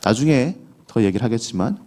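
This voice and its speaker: A man's voice: medium pitch, expressive, fairly quick, dark tone. A middle-aged male pastor preaching a conversational early-morning sermon, acting out the voices of the people in the story. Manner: conversational preaching with acted quotes of biblical figures. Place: church sanctuary.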